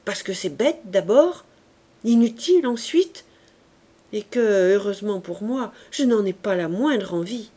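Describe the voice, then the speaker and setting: A woman's voice: mid-range voice, animated, measured pace, dark tone. A woman reading as a cool, practical shopkeeper. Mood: cool reasoning. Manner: cool, composed, reasoning. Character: calm, practical businesswoman running a shop.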